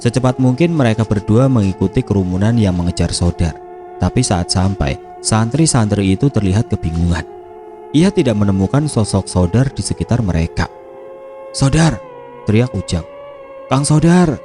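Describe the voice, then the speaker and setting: A man narrating a scripted horror story in a steady, measured reading. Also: lowish voice, faint music behind.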